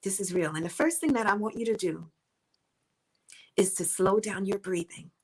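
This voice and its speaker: Earnest woman coaching gently, slightly husky. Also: medium pitch, lively intonation, normal speed, poor audio. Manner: earnest, repetitive and coaching, drops to a soft near-whisper at times. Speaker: author and motivational speaker. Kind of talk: encouraging faith-based talk to camera.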